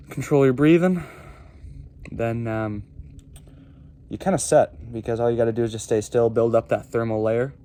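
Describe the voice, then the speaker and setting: Young or canadian guy doing a casual outdoor vlog, halting speech in the cold, noticeable background noise. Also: mid-range voice, vocal fry, mellow. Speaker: vlogger. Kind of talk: casual unscripted vlog chat to camera. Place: outdoors in cold stream under a small bridge. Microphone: handheld phone or camera.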